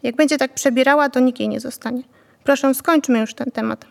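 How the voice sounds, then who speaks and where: A woman voicing a gruff, irritable middle-aged uncle. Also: sits high, steady tone, brisk, darkish tone. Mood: irritated.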